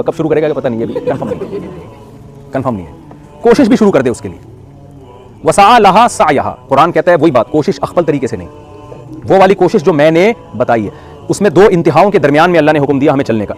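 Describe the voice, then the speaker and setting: Preacher guy, middle-aged, quick talker, cracks jokes n quizzes the crowd. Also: high voice. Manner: animated, joking, asks the audience questions. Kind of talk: sermon.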